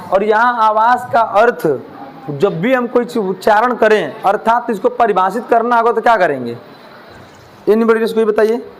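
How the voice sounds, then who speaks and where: A male teacher lectures a class in a classroom, asking the students questions, joking with them and mimicking lisping children. His voice is high, with a little hiss or hum.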